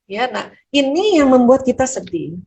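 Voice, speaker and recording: A woman answers audience questions in a gentle, conversational advice talk, repeating words and adding small tag words. Her voice is fairly high, mellow and husky. The recording sounds slightly dull and lo-fi. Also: very animated, moderate pace.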